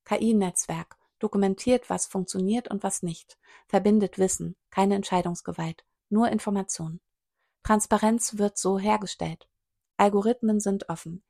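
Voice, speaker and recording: Woman with a gravelly voice reading aloud. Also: mid-range voice, darkish tone, no room sound, studio quality. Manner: clipped, list-like delivery in short fragments. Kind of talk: reading a text aloud with brief asides.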